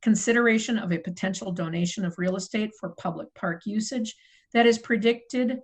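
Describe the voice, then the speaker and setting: Middle-aged woman, committee chair, procedural agenda reading on a video call, mid pitch. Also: normal speed, breathy edge, low-quality recording. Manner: procedural, apologetic, self-correcting. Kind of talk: formal meeting chairing.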